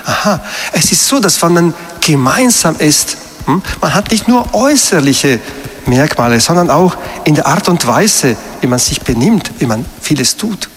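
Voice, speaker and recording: A man's voice: a little high, animated, moderate pace, long reverb tail. A man giving a sermon as a priest, emphatic and asking his listeners questions. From Meran, South Tyrol.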